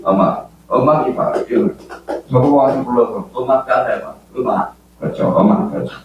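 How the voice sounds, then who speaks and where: An older exam-prep lecturer with a Gyeongsang accent fires rhetorical questions at a room of students, his pitch rising and falling freely. He is heard from across a strongly echoing lecture hall with a faint hum behind him. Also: distant mic. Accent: Gyeongsang Korean. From Gyeongsang region, Korea. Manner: lively, quizzing students with constant rhetorical questions. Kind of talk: classroom lecture.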